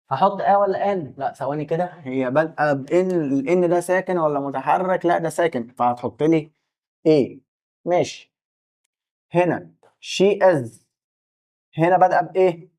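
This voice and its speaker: Egyptian man teaching casually, slightly high voice. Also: darkish tone. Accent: Egyptian Arabic. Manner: plays out imagined student questions in dialogue. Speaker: English teacher. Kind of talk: casual classroom explanation.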